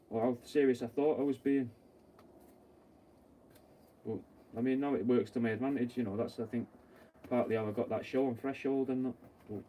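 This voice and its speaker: A man's voice: medium pitch, mellow. Sweary young guy, far off. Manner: blunt, sweary, rambling storytelling. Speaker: taxidermist. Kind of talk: casual chat while working. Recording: distant mic with faint background noise.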